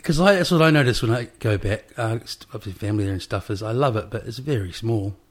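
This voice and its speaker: Speaking quickly in a lowish voice, a podcast host from New Zealand chats casually with a guest from his small studio apartment. His Kiwi accent comes through as he rambles with many restarts.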